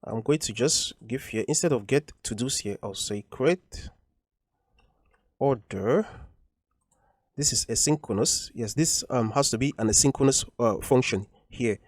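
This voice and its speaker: A man's voice: mid-range voice, a little slow, no echo, studio quality. A man teaching a coding tutorial over a screen recording, explaining patiently and repeating each point with frequent ums.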